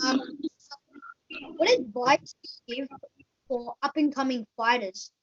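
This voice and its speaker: A woman with a high voice conducts a casual interview. She speaks slowly and informally. The recording is a little dull. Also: a bit bright, breathy edge.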